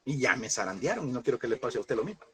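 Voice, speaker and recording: A man's voice: medium pitch, sing-song, racing, heavy background noise. A man, a pastor preaching a lesson, telling a personal story and fervently calling his listeners brother.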